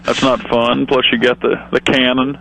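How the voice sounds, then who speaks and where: A man voicing a folksy, deadpan male longhorn steer mascot phoning in to a comedy radio show. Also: medium pitch, moderate pace, creaky, rough recording. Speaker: phone-in comedy bit.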